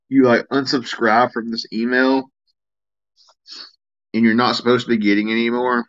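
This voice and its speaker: This live streamer is tired and yawning, chatting loosely and relaxed while he reads out and answers comments. His medium-pitched voice has the highs cut off.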